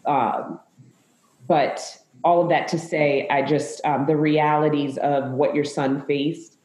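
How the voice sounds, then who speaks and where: A woman pastor from Zambia and the US, speaking in a live panel conversation in a halting, emotional way with many fillers. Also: deep voice, fairly even intonation, a little mellow. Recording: echoey room.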